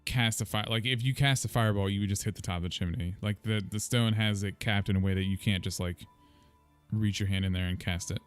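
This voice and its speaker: A man's voice: on the low side, steady tone, brisk, smooth. A man narrating casually as game master of a tabletop role-playing game. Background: faint music.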